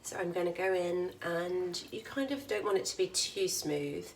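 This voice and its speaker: A woman's voice: fairly low pitch, normal speed. A woman chatting to camera as she cooks at home, casual and self-deprecating. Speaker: home cook vlogger. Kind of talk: casual cooking demonstration. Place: home kitchen. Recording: distant camera mic, loud kitchen noise. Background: frying, sizzling and stirring noises.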